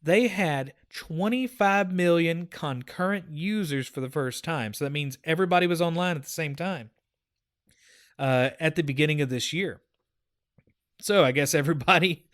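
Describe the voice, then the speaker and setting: A man's voice: on the high side, normal speed, a bit bright, clear, resonant tone. A man hosting a gaming podcast, talking in a rambling, chatty way with frequent fillers. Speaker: podcast host. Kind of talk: casual chat.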